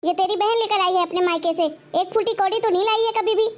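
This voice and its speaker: A woman's voice: very high-pitched, steady tone, quick pace, highs cut off, slight background noise. A woman playing a harsh, stingy mother-in-law who scolds and taunts her daughter-in-law in a homemade family drama. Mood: scolding. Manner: scolding, taunting, repeats demands. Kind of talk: homemade web-drama acting.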